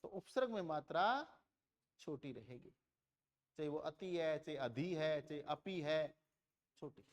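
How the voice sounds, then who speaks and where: A man's voice: fairly high pitch, expressive, a little slow, pauses often. A man teaching a grammar lesson in a classroom, asking questions and answering them himself, and repeating words to compare how they sound. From India. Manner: repeats words to contrast vowel lengths.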